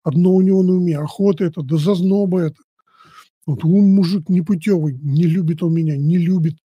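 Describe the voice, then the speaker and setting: A man's voice: high-pitched, steady tone, brisk, husky, no room sound, dull audio. A man voicing a fretful, jealous young village wife who scolds shrilly and pleads tearfully, in a storybook reading. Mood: resentful.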